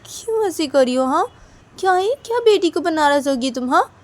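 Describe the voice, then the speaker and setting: A woman voicing a worried young woman who keeps coaxing and questioning her partner in a high, raised voice. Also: expressive, brisk.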